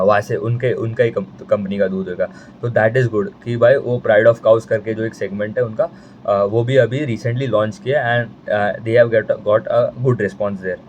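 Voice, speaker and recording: A man's voice: fairly low pitch, darkish tone, highs cut off, a little hiss or hum. A man casually explaining company figures in a loose, conversational way, thinking aloud with fillers and restarts. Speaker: stock market analyst. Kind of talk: casual explainer in Hindi-English mix.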